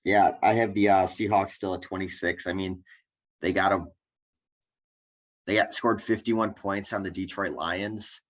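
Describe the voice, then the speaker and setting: Young male co-host, very low voice, hesitant, muffled lo-fi audio. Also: steady tone, measured pace. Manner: hesitant, many "I think" and "I mean" restarts. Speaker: podcast co-host. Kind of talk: casual sports chat. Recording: dull lo-fi sound.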